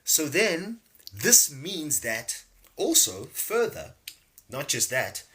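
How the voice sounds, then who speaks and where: A man teaching casually on a livestream, animated, repeating words and laughing often. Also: a little high, slow pace. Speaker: spiritual teacher streaming live. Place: home livestream setup.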